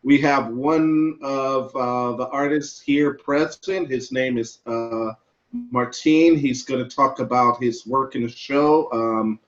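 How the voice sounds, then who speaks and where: A man hosting an interview as co-curator of an exhibition. He speaks slowly and haltingly, leaning on fillers, at a middle pitch. The audio sounds dull and lo-fi. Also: fairly even intonation, soft background music.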